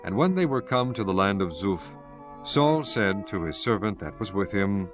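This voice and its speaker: A man narrating scripture from a script in a measured, formal manner. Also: lowish voice, animated, music in the background.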